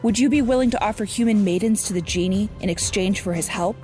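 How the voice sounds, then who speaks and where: A woman's voice: medium pitch, fast, mellow, soft background music, voice pushed up, natural voice. Woman doing a worried loyal manservant, urgent, respectful. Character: loyal male servant, anxious and urgent.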